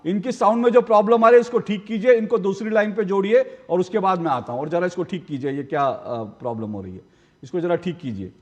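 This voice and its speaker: A man anchoring a live TV news debate, sharp and needling, often cutting in on his guests. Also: high-pitched, fast, big-room sound, lo-fi sound.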